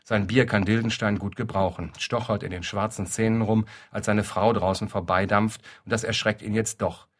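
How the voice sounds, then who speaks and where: A man reading a literary story aloud in a dry, deadpan narrating manner. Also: lowish voice, moderate pace, hardly any pauses. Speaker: reader.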